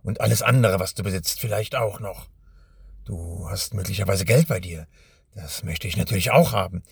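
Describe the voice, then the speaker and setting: A man voicing a menacing older male robber with a smoky, gruff voice and a taunting manner. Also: low-pitched, normal speed, no room sound, studio quality, exaggerated voice. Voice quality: smoky, gravelly.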